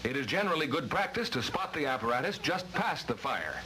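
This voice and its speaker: A man's voice: fairly high pitch, big pitch swings, brisk, bright, forceful tone. An American man narrating a vintage 1950s-style instructional film from a script, with a formal, emphatic delivery. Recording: noisy vintage training film soundtrack.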